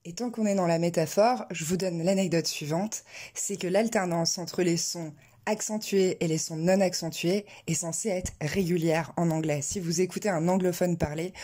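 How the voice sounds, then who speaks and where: A woman teaching an English pronunciation lesson, explaining clearly and slowing down to model words. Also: lowish voice, mellow.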